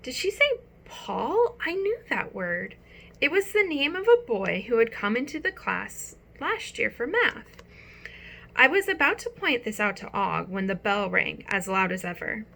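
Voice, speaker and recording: A woman narrating a children's audiobook with expressive storytelling. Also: fairly high pitch, moderate pace, creaky.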